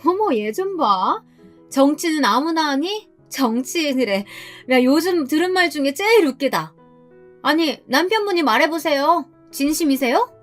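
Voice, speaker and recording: A woman's voice: sits high, animated, normal speed, fairly bright tone, faint music behind, pitched above the performer's own voice. A woman voicing a snobbish young woman friend with a sneering way of talking. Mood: mocking.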